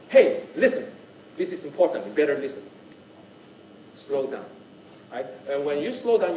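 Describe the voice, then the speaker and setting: A man's voice: a little high, echoey room, far from the mic, a little hiss or hum, low-quality recording. A man leading a speaking skills workshop, talking to the class and often checking in with "right?". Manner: lively, keeps checking in with "right?". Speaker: workshop trainer. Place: workshop room.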